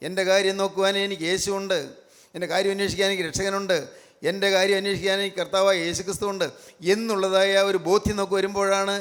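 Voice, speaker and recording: Malayali man preaching, high and kinda flat, keeps repeating himself, echoey hall. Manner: repetitive, emphatic preaching with frequent praise phrases. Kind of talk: sermon.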